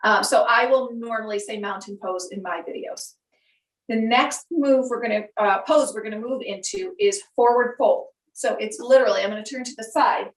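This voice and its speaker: A female yoga instructor guides students through poses with calm, step-by-step cues at a normal pace. Her slightly high voice sounds somewhat distant from the mic, in an echoey room.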